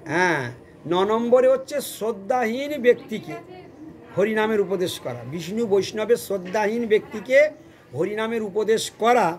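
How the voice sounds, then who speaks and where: A man's voice: high-pitched, normal speed. A man preaching a devotional sermon, chanting verses and quizzing his listeners with questions.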